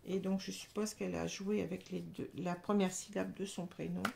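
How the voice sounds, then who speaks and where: A woman with a French accent reads tarot cards for her viewers in an unhurried, hesitant way, with plenty of fillers along the way. Her voice has a gravelly edge. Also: lowish voice, flat delivery, background noise. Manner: hesitant, many fillers, addresses viewers directly. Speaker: tarot reader. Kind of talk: casual tarot reading monologue.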